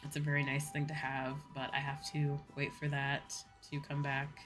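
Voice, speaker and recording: With music in the background, this drowsy streamer speaks in a low-pitched, completely flat voice at normal speed. She's a VTuber and school teacher who rambles casually to her viewers, swearing offhandedly and saying "like" a lot.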